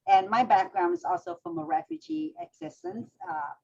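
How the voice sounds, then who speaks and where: A woman's voice: mid-range voice, sing-song, moderate pace, gravelly, dark tone, muffled recording. A woman from Vietnam co-hosting a talk show, chatty and full of fillers as she introduces her guest. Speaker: co-host.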